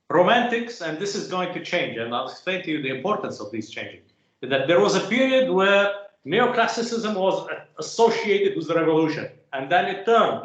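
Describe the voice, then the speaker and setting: Halting male lecturer in an echoey room. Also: fairly high pitch, muffled recording. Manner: halting, many filler sounds, rhetorical "huh?" checks. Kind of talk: academic lecture.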